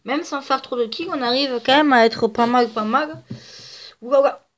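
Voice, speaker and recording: A woman who makes gaming videos chats her way through gameplay at a moderate pace, her voice sitting high. She sounds nasal and stuffy with a cold, and her talk rambles with many fillers.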